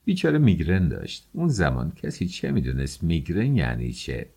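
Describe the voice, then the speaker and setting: A man narrating an audiobook in an expressive storytelling manner. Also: rumbling low, creaky, slightly rough.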